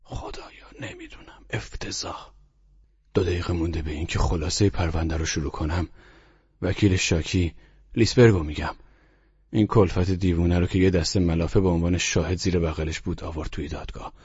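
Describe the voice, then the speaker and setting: A man voicing an agitated middle-aged man who rants bitterly and exasperatedly about his wife, pitched well above his own voice. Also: fairly even intonation, a little mellow, breathy edge, lo-fi sound. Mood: bitter ranting. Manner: bitter, exasperated, rising outbursts.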